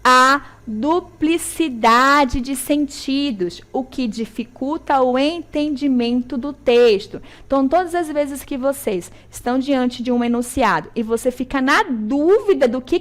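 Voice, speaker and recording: A woman with a Brazilian Portuguese accent teaching a televised school lesson, checking in with her students often and slowly stressing syllables. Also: high-pitched. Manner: didactic, checks in with "tá?" and "certo?".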